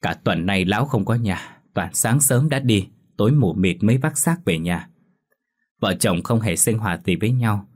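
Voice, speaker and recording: A man's voice: lowish voice, lively intonation, normal speed. A man voicing a jealous young wife who pleads through sobs in a ghost story audiobook. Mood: tearful pleading. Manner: pleading, sobbing complaints. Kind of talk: audiobook character voice.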